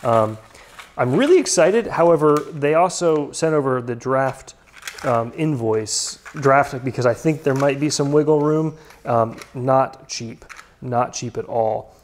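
Man rambling in a big echoing shop. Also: mid-range voice. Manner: quick, rambling, upbeat, with many ums. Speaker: machine shop owner. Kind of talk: casual vlog talk. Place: large open machine shop workspace. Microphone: handheld camera close to face. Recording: reverberant hall with faint noise.

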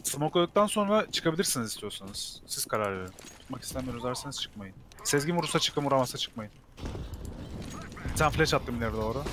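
A man calling tactics to his team in voice chat during an online shooter match, giving brisk, commanding orders. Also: medium pitch, lively intonation, a bit bright, slight background noise.

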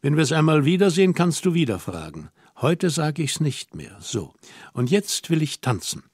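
Brief: calm, motherly young woman who teases and scolds gently, no room sound, read by a man. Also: on the high side, moderate pace, husky, no room sound, studio quality. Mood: teasing.

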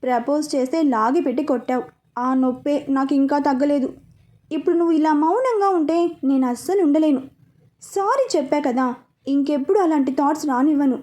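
A woman's voice: sits high, normal speed, dark tone, close to an everyday voice. A woman doing a lovestruck, pleading young woman. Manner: coaxing, playful.

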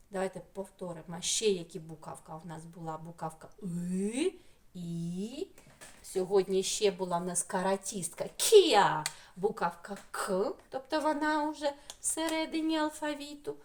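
A middle-aged preschool teacher from Ukraine leads an online phonics lesson for small children. She speaks in an unhurried, gently paced way and stretches each sound in a sing-song voice. Her pitch sits in an ordinary middle range. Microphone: computer mic in an online class.

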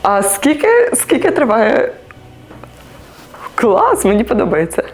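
A middle-aged woman gives excited commentary as she plays a virtual reality conductor game, talking to viewers between exclamations. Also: on the high side, slow. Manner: animated, exclamatory, talks to viewers while playing. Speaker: mother playing a VR conductor game. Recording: orchestral game music loud behind her.

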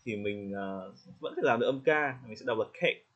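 A man coaching English pronunciation in casual spoken feedback, friendly, slowing down to demonstrate words and laughing lightly. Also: lowish voice, breathy edge. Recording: slightly dull lo-fi audio.

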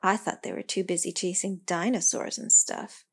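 A woman voicing an upset young girl who talks in a high, huffy, insistent way. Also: fairly even intonation, moderate pace, breathy edge. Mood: indignant.

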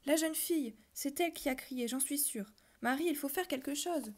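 A woman voicing a frightened young boy who cries out in high, urgent bursts, reading a story aloud. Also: normal speed, a little mellow. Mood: distraught. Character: frightened young boy, tearful then elated.

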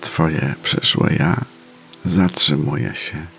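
A man narrating a guided meditation in a soft, soothing, unhurried manner with pauses between phrases. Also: rumbling low, steady tone, gravelly. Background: faint music.

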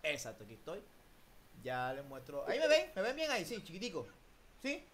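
Un profesor de inglés con acento latinoamericano en una clase en línea por videollamada, que corrige la pronunciación con entusiasmo y mezcla español e inglés. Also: male voice, a little high, a little fast, a little hiss or hum. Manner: lively, drills pronunciation, mixes Spanish and English. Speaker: English teacher. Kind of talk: online class. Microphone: video call.

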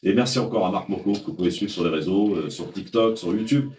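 A man's voice: low voice, quick pace, darkish tone, roomy sound, distant mic, a little hiss or hum. A man hosting a live radio show, talking emphatically to his guests. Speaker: radio host.

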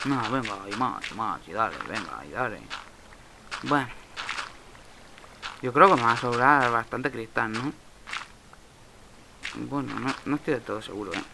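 A man's voice: mid-range voice, lively intonation, moderate pace, creaky, long pauses, noisy background. A young man from Spain with a Spain Spanish accent, casually commenting on his own Minecraft game, muttering and swearing at lag. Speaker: Minecraft let's player.

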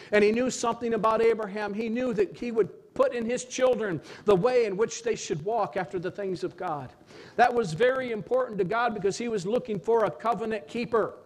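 A man pastor preaching a sermon, reading scripture aloud and then expounding on it in an earnest, searching way with slow emphatic pauses. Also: high-pitched.

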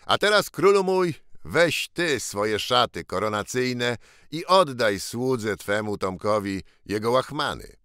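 A man voicing an eager, earnest poor boy who has been crowned by mistake, speaking with animated, pleading insistence. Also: mid-range voice, slow pace, clear, resonant tone, no room sound, studio quality, voice pushed up. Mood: exultant.

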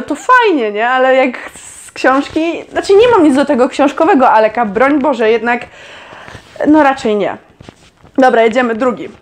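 A young woman casually reading quiz questions aloud and answering them with chatty, sarcastic comments. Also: high voice. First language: Polish. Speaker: vlogger.

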